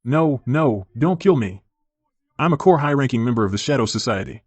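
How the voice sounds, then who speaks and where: A man's voice: mid-range voice, lively intonation, moderate pace, breathy edge, no room sound. A man voicing a hot-headed villainous henchman in an overacted, melodramatic English dub. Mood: cowardly pleading.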